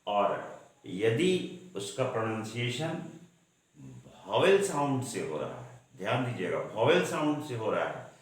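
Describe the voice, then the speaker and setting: A man teaching a grammar lesson, slow and patient, often checking in with the class. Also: medium pitch, big pitch swings. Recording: very echoey room.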